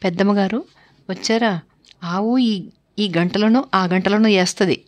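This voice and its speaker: A woman voicing an excitable rustic male cowherd who calls out loudly in plain village speech. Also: medium pitch, measured pace, natural voice. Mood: eager.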